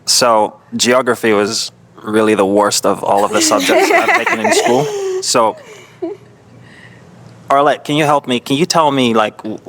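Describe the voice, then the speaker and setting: A man's voice: mid-range voice, sing-song, a little slow, noisy background. Easygoing man asking dating questions. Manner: easygoing, laughs easily, hesitant fillers. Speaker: dating show bachelor. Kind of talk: casual chat.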